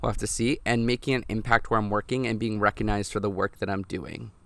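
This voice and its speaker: A man's voice: lowish voice, fairly even intonation, fast, vocal fry, fairly bright tone, no room sound. Candid young man, dry close sound. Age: 20s. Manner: candid, reflective, heavy on "like" fillers. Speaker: podcast co-host. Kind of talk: casual chat.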